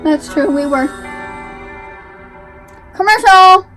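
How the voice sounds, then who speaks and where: A young woman with a high voice hosts a casual reaction video. She talks off the cuff, explaining her side haltingly and repeating words for emphasis. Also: fairly even intonation, darkish tone, distant mic, soft background music. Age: young adult.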